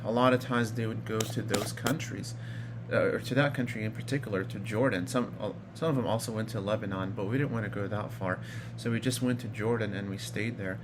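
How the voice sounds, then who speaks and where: A man's voice: on the low side, fairly even intonation, brisk, background noise. A man in his thirties from Iraq, casually telling his personal story in a rambling way, full of fillers and restarts. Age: 30s. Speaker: vlogger.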